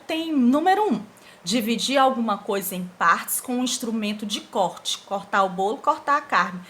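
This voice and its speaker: A woman teacher giving an online lesson to schoolchildren, asking the pupils rhetorical questions as she explains. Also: on the high side. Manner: animated, talks directly to pupils with rhetorical questions.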